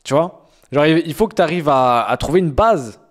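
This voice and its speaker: A man's voice: a little high, lively intonation, moderate pace. A young man streaming, reacting to fan-sent rap songs in casual, slangy talk with mocking, exaggerated complaints.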